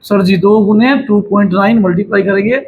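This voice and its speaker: A man runs a maths lesson in a fairly high voice. He talks in a chatty, teasing way, scolding his students and breaking into bits of song between steps. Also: steady tone, a little fast, narrow, tinny audio. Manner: chatty teacher, scolds and jokes with students, sings snatches of songs. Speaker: maths tutor.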